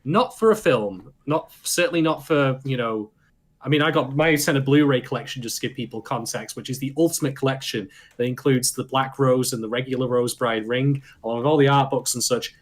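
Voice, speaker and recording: A man from the UK co-hosting a casual podcast chat, sarcastic and quick to swear. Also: mid-range voice. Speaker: podcast co-host.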